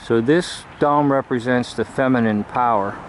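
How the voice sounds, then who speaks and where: A man talks earnestly in a measured, explanatory way as he films a building from outdoors. His voice sits at an ordinary pitch. Traffic and outdoor hum run clearly behind him on the camera mic. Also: low-quality recording. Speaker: video host. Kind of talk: filmed religious commentary. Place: outdoors by a church. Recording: outdoor street noise behind.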